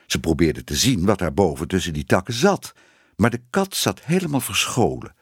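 A man's voice: low-pitched, big pitch swings, moderate pace, breathy edge, no room sound, studio quality. A man reading a children's story aloud as narrator, voicing the characters expressively.

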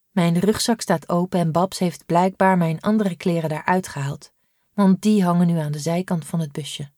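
A woman narrating a children's story in an even, clear reading. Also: on the low side, no room sound, studio quality. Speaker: audiobook narrator.

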